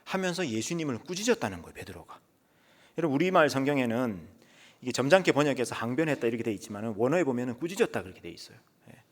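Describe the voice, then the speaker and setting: A man's voice: medium pitch, big pitch swings, fast talker. A male pastor preaching a sermon in dramatic storytelling fashion, often letting phrases trail off to a whisper. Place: church sanctuary. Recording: long church reverb.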